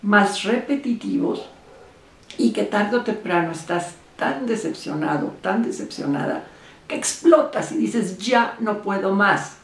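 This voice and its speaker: A woman gives relationship advice as a therapist. She talks in an animated way and acts out the voices she quotes. She sounds set back from the microphone in a room with a noticeable echo. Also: medium pitch, a little slow, vocal fry. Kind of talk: advice talk to camera. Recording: roomy echo, speaker far from mic.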